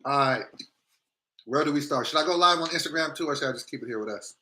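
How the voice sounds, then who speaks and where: Guy livestreaming w a grill in his teeth, higher forceful voice, slangy and blunt, just chatting. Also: quick pace, slight background noise. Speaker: livestream host. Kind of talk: casual livestream chat.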